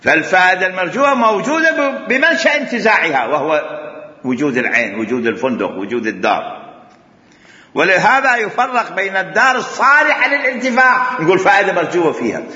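A man's voice: high-pitched, very animated, fast, sharp tone. A man with an Iraqi Arabic accent teaching Islamic jurisprudence, arguing his point through rhetorical questions and repetition. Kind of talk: classroom lecture. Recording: echoey hall, dull lo-fi sound.

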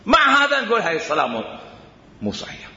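A religious studies teacher with an Iraqi Arabic accent delivers a jurisprudence lecture, speaking emphatically and repeating his points. His high-pitched voice swings hugely in pitch and comes out fast, pushed, and bright. The lo-fi recording is dull, with roomy hall reverb.

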